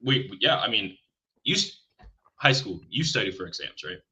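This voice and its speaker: A man co-hosting a casual sports podcast, talking in an animated way, with restarts and self-deprecating asides. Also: fairly low pitch, moderate pace, slightly rough, low-quality recording. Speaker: podcast co-host.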